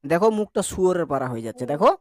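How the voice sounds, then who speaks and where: A man's voice: fairly high pitch, very animated, very fast, no echo. A man teaching an online grammar class, chatty and joking as he drills vowel sounds with his students.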